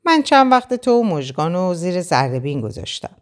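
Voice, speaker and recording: A woman's voice: on the low side, big pitch swings. A woman voicing a teasing young male friend with a playful, sly manner in an audiobook reading.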